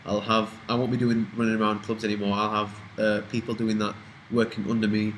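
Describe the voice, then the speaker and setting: Swearing young British man, lowish voice. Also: level tone, fairly quick, slight background noise, low-quality recording. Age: 20s. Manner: rambling, swears freely, trails off and restarts. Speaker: vlogger answering viewer questions. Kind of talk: casual Q&A chat.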